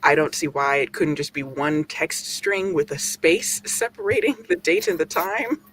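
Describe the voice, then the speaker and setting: A man's voice: a little high, sing-song, normal speed, a bit bright, a little hiss or hum. A man co-hosting a casual tech podcast, thinking aloud analytically.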